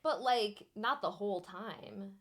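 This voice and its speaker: A young adult woman with a Wisconsin accent talks casually as if to livestream viewers. Her delivery is candid and playful, with a teasing, giggly streak and a middle-of-the-road pitch. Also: slow pace, a crowd in the background. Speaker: livestream host.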